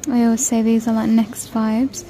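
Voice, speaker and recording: A UK woman vlogs her shopping trip down a large store aisle, chatting and calling out prices as she looks around. Her voice is warm and fairly high-pitched, her delivery completely flat, and her speed normal. It's captured on a handheld phone camera.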